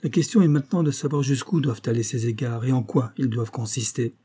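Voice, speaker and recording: A man voicing a male doctor, a cold and measured friend who speaks calmly and evenly. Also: medium pitch, breathy edge, close to an everyday voice. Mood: cool. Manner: measured, cool.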